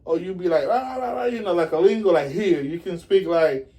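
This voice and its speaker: Man, lively and high. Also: brisk. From Puerto Rico. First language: Spanish. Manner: animated, acts out quotes, says bro. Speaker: musician guest. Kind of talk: casual interview.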